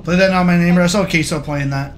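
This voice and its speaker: A man's voice: sits high, brisk, a little hiss or hum. A young man streaming a horror game with friends, chatting casually to his viewers. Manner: excitable, laughing, talks to chat. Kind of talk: casual gaming chat.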